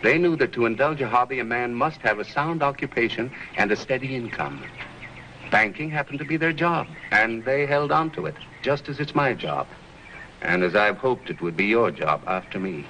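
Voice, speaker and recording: A man's voice: mid-range voice, expressive, moderate pace, sharp tone, a little hiss or hum, rough recording. An actor playing a stern, formal older banker lecturing his grown son.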